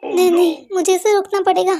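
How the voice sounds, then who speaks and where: A woman's voice: extremely high pitch, brisk, loud music behind the voice. A woman voicing every part of a fan-made dub, with playful, teasing lines. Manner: playful, teasing, animated dialogue. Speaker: fan dub voice-over artist. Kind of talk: hindi fan-dub dialogue acting. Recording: noisy home recording.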